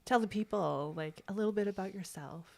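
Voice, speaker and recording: A woman's voice: medium pitch, a little fast, vocal fry. A woman hosting a podcast, bubbly and enthusiastic as she introduces people. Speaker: podcast host. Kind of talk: casual podcast chat.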